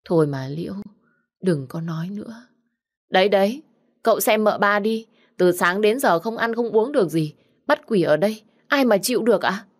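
A woman's voice: medium pitch, expressive, moderate pace, voice pushed up, natural voice. A woman voicing a young wife with a small, faint voice who wheedles for sympathy, in a storybook reading. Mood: wheedling.

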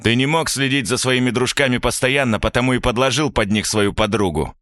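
A man voicing a sharp-tongued, sarcastic male detective who taunts his enemies. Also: mid-range voice, a little fast, no room sound, clean studio sound, pitched above the performer's own voice, close to an everyday voice. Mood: taunting. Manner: sarcastic, taunting, shouts in anger.

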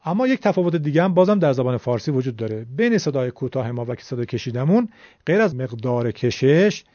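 Male recitation teacher, higher-pitched, dry lo-fi recording, demonstrative vowel drills. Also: warm tone, dry recording. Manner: explanatory, demonstrates sounds by drawing out vowels. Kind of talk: classroom lecture.

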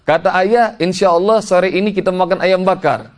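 A man voicing an eager eight-year-old girl, pleading and excited in a childlike tone. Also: high-pitched, moderate pace, voice pushed up, lightly acted.

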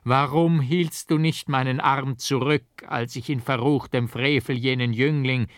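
A man's voice: medium pitch, steady tone, slow pace, no room sound, clean studio sound, pitched above the performer's own voice, close to an everyday voice. A man voicing a guilt-ridden monk who cries out in a raised, pleading voice. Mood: despairing.

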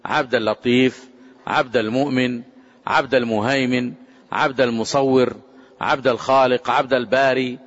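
A man giving a religious lesson as a scholar, speaking emphatically and slowing down to quote prayers. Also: mid-range voice, fairly even intonation. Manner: emphatic, rising to forceful exclamations; measured, drawn-out quoting of prayers. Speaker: Islamic scholar teaching. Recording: dull lo-fi sound with long hall reverb.

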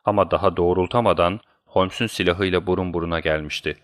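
A man narrating an audiobook in a steady, measured storytelling voice. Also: sits low.

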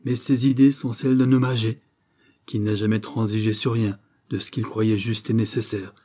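A man voicing a gentle, tearful elderly noblewoman and grandmother in an audiobook, speaking with soft, earnest pleading. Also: lowish voice, level tone, normal speed, close to an everyday voice.

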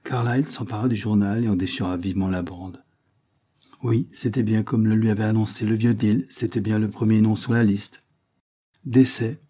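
A man narrating a classic novel in a measured storytelling voice. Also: on the low side, steady tone, mellow. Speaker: audiobook narrator. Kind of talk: scripted narration.

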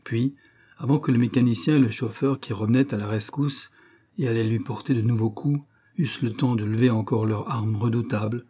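A man narrating a novel as an audiobook in a measured, dramatic reading. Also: mid-range voice, warm tone. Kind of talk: scripted narration.

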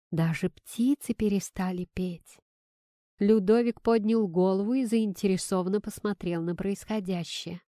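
A woman reading a family story aloud as narrator, in an even, gentle storytelling manner. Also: mid-range voice, no echo, studio quality.

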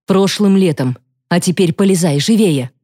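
A woman's voice: on the low side, expressive, normal speed, pitched above the performer's own voice. A woman voicing an urgent bossy teen girl. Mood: urgent whisper. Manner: urgent, hushed commands. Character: bossy protective teenage girl, older sister.

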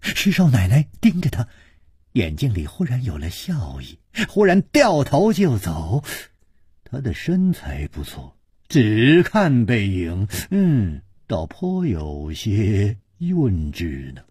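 A man narrating a novel as a storyteller, with dramatic, drawn-out phrasing. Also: lowish voice, huge pitch swings, a little mellow, husky, no room sound, studio quality. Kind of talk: expressive novel-reading storytelling.

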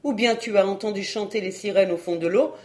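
A woman's voice: mid-range voice, fairly quick, dark tone, lightly acted. A woman reading aloud as an irritated male doctor, pressing his friend with insistent, teasing questions. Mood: exasperated.

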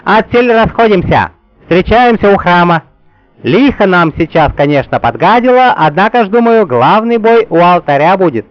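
A man's voice: sits high, animated, moderate pace, no echo, highs cut off, soft background music, pitched above the performer's own voice. A male narrator voicing a bossy, grumbling old witch who speaks in folksy, old-fashioned phrases. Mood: bossy rallying.

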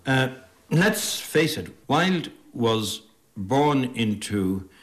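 An Irish man answering interview questions on the radio in a thoughtful, articulate way, with pauses. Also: medium pitch, very animated. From Ireland.

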